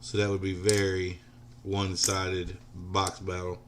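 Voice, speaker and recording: A man's voice: deep voice, completely flat delivery, unhurried, background noise. A man in his forties hosting a casual livestream, chatting with viewers and answering their comments by name. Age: 40s. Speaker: livestream host.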